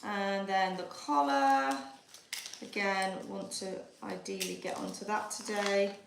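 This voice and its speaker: A woman's voice: mid-range voice, fairly even intonation, takes it slowly, vocal fry. A woman with a Yorkshire accent hosting a live sewing tutorial from her kitchen, chatting and thinking aloud as she works. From Yorkshire, England. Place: home kitchen. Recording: echoey kitchen with background noise.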